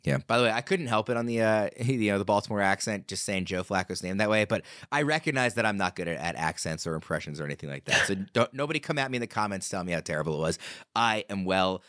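A man's voice: on the low side, lively intonation, fast talker, a bit bright, dry recording, clean studio sound. A man hosting a fantasy football podcast, chatting casually and moving the show along with upbeat energy. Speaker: podcast host. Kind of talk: casual sports chat and host-read ads.

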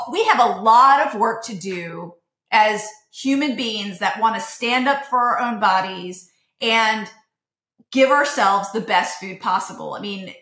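A woman's voice: medium pitch, sharp tone, reverberant. A woman in her thirties, a podcast guest telling a family story in casual chat and acting out the dialogue she quotes.

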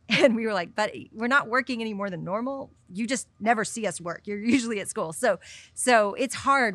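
Bright-voiced woman giving candid devotional talk. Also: mid-range voice, dry recording. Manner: candid, conversational, with light laughs. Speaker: podcast host and Bible teacher.

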